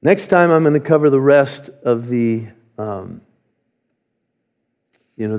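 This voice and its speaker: A man preaching a sermon, reading scripture slowly and deliberately. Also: mid-range voice, a little mellow, big-room sound, highs cut off. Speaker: pastor.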